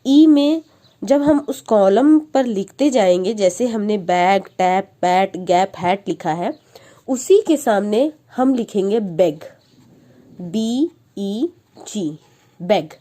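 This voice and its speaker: Slow, mellow-voiced woman teaching phonics. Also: medium pitch. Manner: slow, patient, sounds out letters. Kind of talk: Hindi phonics lesson for parents.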